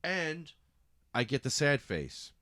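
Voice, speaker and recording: In a studio-quality recording with no room sound, a podcast host with a slightly high, sharp voice takes it slowly yet sounds very animated. Talking a call-in guest through a website, he gets frustrated, flares up, swears, and apologizes.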